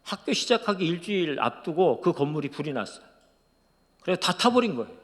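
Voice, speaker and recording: A man's voice: on the high side, big pitch swings, brisk. Man preaching in a reverberant church. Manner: swings from hushed quiet to loud emotional outbursts. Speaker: pastor. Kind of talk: sermon testimony. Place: church sanctuary.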